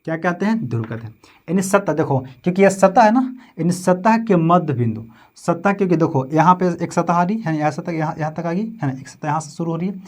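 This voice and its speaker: A man with a Bihari Hindi accent teaches physics, repeating terms, checking in with 'समझे?' and 'है ना', and answering his own questions. His voice is on the high side, expressive, brisk and darkish.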